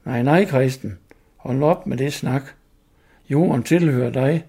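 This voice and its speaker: A man in his sixties reading a story aloud and voicing an older woman, a sister, who shouts and pleads with her brother. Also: mid-range voice, vocal fry, breathy edge. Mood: scolding, pleading.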